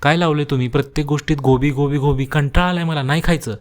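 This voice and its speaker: A man's voice: fairly high pitch, fairly even intonation, fast talker, pitched above the performer's own voice, close to an everyday voice. A man voicing a fed-up young daughter-in-law in a cartoon story, exasperated and repeating herself. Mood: exasperated outburst.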